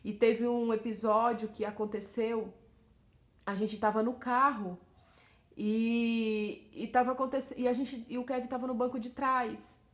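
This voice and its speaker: A woman's voice: a little high, flat delivery, a little slow. Hesitant Brazilian mother in an echoey room. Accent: Brazilian Portuguese. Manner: hesitant, restarting, often appealing to listeners. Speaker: mother giving a religious testimony. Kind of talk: church testimony addressed to the congregation. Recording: roomy echo.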